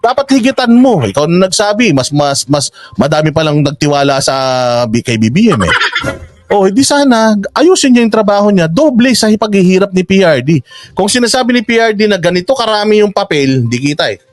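High-voiced sarcastic male commentator. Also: very animated, brisk, dry recording, soft background music. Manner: sarcastic, argumentative. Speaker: political commentator. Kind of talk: casual political commentary.

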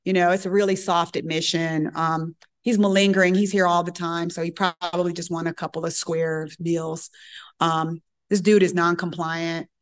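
A woman's voice: lowish voice, moderate pace. Give me a middle-aged woman lecturing through a colloquial personal story, voicing the people she quotes. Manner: lively, colloquial, acts out quoted voices. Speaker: physician giving a grand rounds lecture.

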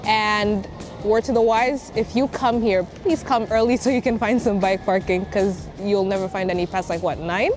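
A young woman from Tanzania, an economics student chatting in a relaxed, joking way. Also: medium pitch, moderate pace. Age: young adult. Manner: laid-back, joking. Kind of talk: casual interview answers. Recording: background music under the voice.

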